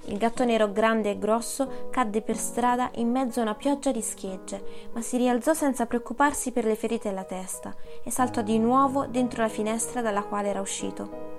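A woman reads a storybook aloud in a steady, measured narration. Soft music sits faintly behind her voice. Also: a little high. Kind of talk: audiobook narration.

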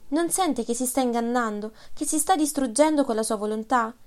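Young woman, gently firm, pleading earnestly , as a woman reads her. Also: fairly high pitch, a little fast, soft background music, natural voice.

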